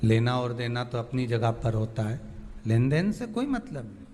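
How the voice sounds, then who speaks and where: A man's voice: mid-range voice, very animated, moderate pace, mellow. A man preaching a devotional sermon, pleading and emphatic, repeating phrases for stress. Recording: long hall reverb, faint music behind.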